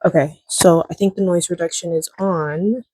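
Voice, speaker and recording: A woman's voice: fairly low pitch, fairly even intonation, moderate pace, darkish tone, husky, no room sound, low-quality recording. A woman vlogging casually at home, chatty and rambling, through a small wireless clip-on mic whose noise reduction leaves processing artifacts. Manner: chatty, rambling, lots of fillers. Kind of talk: casual chat to camera. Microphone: wireless clip-on mic plugged into a phone.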